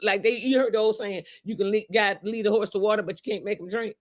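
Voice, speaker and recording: A woman's voice: medium pitch, fairly even intonation, fast. A woman hosting a casual interview chat, using folksy sayings and often asking "you know what I'm saying?". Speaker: host. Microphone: video call.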